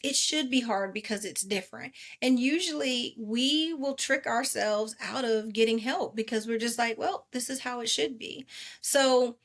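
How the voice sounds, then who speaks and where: A woman speaking as a podcast guest, an animated storyteller who acts out quotes from her own life. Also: a little high. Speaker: podcast guest, maternal wellness advocate. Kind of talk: casual podcast interview.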